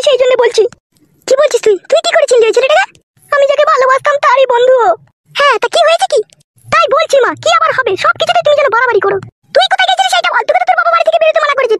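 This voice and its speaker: A woman's voice: very high voice, noisy background. A woman acting in a comic family sketch, scolding and quarrelling dramatically.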